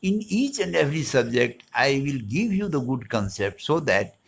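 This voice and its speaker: Slow, gravelly Indian-accented male teacher. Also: medium pitch, sing-song, slight background noise. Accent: Indian English. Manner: slow, explanatory, asks questions and answers them himself. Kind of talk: recorded grammar lesson.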